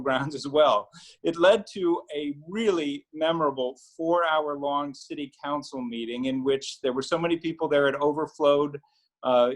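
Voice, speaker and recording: A middle-aged man, an attorney, telling a story on a video call panel in a relaxed way with many fillers and restarts. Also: on the high side, rough recording. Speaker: attorney and newspaper founder.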